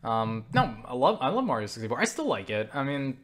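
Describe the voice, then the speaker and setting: A man with a medium-pitched voice rambles casually through viewer questions at a slightly quick clip, his pitch swinging widely. He's blunt and swears freely, tripping over words and cutting himself off mid-thought.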